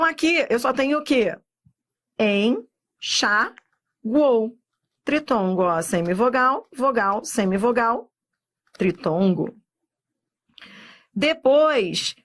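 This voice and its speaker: A middle-aged woman with a Brazilian Portuguese accent, teaching a recorded exam-prep lesson and drawing words out slowly, often checking in with "tá?". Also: on the high side, fairly bright tone. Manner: slow, drawn-out spelling of words with frequent checks like "tá?".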